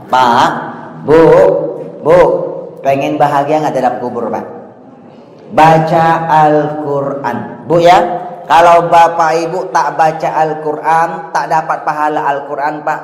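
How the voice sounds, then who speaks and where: A man's voice: fairly high pitch, steady tone, unhurried. Man preaching in an echoey hall. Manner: addresses the audience with 'Pak' and 'Bu' after nearly every phrase; storytelling, with swings between loud and hushed. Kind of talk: sermon. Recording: echoey hall with long reverb.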